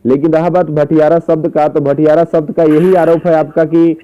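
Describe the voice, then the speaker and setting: Over a muffled, dull phone line, a man questions someone insistently in a recorded interview, repeating his phrases. His voice sits on the high side, and he keeps a flat delivery at a moderate pace.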